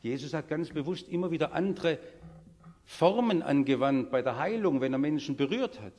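A man preaching a sermon, emphatic, swinging between loud declarations and quiet asides, speaking straight to the congregation. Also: a little high, animated, normal speed, long reverb tail. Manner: addresses the congregation directly. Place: church service.

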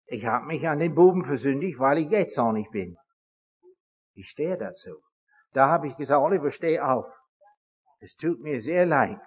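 A man with a husky, fairly high voice that swings widely in pitch gives a religious lecture to an audience. He tells his stories in an animated way and acts out each side of the dialogue. The recording is dull and lo-fi, with a long echo from a big hall. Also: moderate pace, pauses often. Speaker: speaker addressing an audience.

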